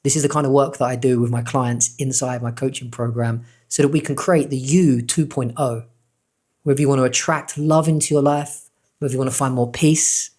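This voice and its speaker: A middle-aged man, a life coach, calmly guiding a breathing exercise with repeated, gentle instructions. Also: medium pitch. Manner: calm, repetitive guiding instructions.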